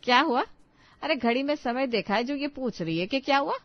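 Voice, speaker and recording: A bossy, scolding mother-in-law who nags her daughters-in-law without pause, played by a woman. Her voice sits in a middle register and comes through sharp and impatient. The recording sounds dull and lo-fi. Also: medium pitch, animated, dry recording, lightly acted.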